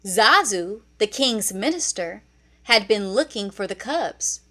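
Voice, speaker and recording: A children's read-along storybook is narrated by a woman at medium pitch. She tells it in an expressive, deliberate way.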